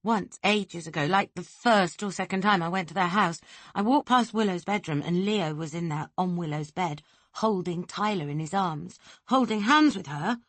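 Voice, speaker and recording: A woman's voice: lowish voice, dry recording, pitched above the performer's own voice, lightly acted. A woman voicing an agitated teenage girl who gabbles insistently in an audiobook. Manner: fast, breathless, insistent.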